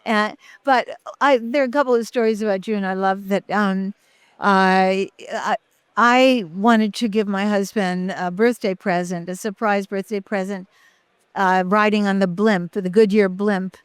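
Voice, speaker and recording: Older woman reminiscing, clear and close. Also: mid-range voice, fairly even intonation, no room sound. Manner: halting, many fillers and restarts. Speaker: interview guest, actress. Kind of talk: casual interview reminiscing.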